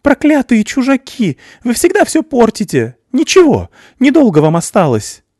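A man voicing a furious middle-class mother in an audiobook, shouting shrilly. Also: extremely high pitch, wildly swooping pitch, moderate pace, no echo, clean studio sound, voice pushed up, full character voice. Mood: shrieking.

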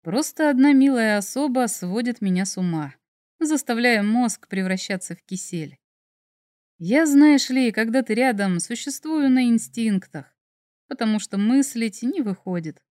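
Teasing dragon emperor in an audiobook, a woman reader doing a lowered male voice, soft and smug, dry booth sound. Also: animated, a little slow, dry recording. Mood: tender. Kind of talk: audiobook character voice.

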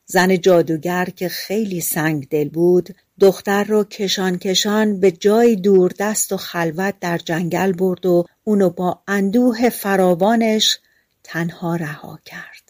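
A woman narrating a fairy-tale audiobook in a calm, even storytelling manner on a close microphone. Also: fairly low pitch, no room sound.

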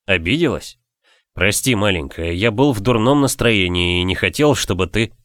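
Calm teasing lord husband, man reading him, low and soft, dry close mic. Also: normal speed, no echo.

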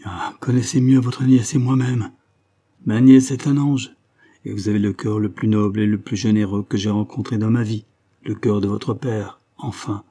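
A man reading the part of a stern, authoritative old soldier in a measured, solemn manner. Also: on the low side, little pitch movement, warm tone, lightly acted.

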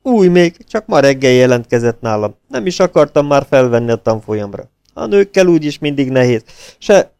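A man's voice: mid-range voice, sing-song, a little mellow, clean tone, dry recording, studio quality, pitched above the performer's own voice. A man voicing a chatty male flight instructor who rambles in a raised, slightly dismissive tone.

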